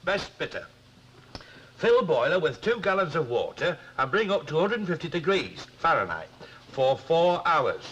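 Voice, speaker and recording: Bossy, animated Northern English man. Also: a little high, slightly rough, muffled recording, full character voice. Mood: businesslike. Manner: deliberate, reading out instructions. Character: bossy man leading mates, reading instructions. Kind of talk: 1960s British TV soap acting. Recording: noisy 1960s TV soundtrack, clicks.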